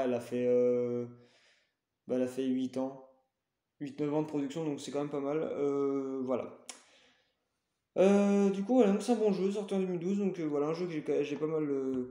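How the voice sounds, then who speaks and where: A man's voice: a little high, mellow, roomy sound. A man showing his game collection in a casual, hesitant way, full of fillers and self-corrections. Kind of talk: casual show-and-tell.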